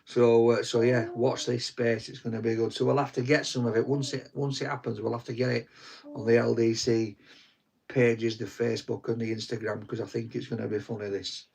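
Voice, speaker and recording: A young Yorkshire man rambles through a live chat, teasing his partner and tripping over restarts. He sounds worn out from a short night, with a voice pitched in the middle range. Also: flat delivery, a little fast, gravelly, a little mellow, husky. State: tired from little sleep. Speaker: co-host of a live stream.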